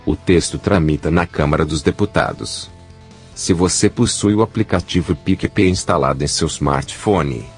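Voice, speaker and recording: A synthesized text-to-speech male voice with a Brazilian accent, reading scripted news as a podcast presenter. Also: low-pitched.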